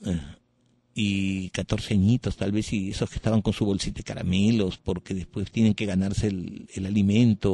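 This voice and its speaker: A man's voice: fairly low pitch, vocal fry, dark tone, breathy edge, no echo. A man giving an emotional personal testimony, earnest, often restarting his sentences and tagging them with questions.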